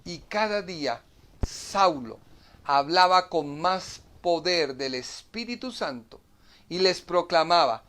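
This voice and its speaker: Man, Bible study preacher, very slow, emphatic, repeats phrases, rhetorical questions. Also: on the high side, expressive, a bit bright. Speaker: Bible teacher.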